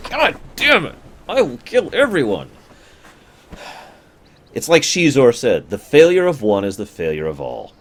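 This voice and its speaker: In a medium-pitched, slightly bright voice, a man talks his stream viewers through a strategy game. The live commentary is casual and chatty, aimed at chat, with sudden mock outbursts.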